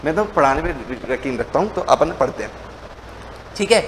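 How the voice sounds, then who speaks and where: High-voiced chatty Hindi tax teacher. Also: male voice, animated, normal speed, slight background noise, rough recording. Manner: chatty, acts out both himself and the students' questions; playful teasing of students. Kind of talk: online exam revision lecture.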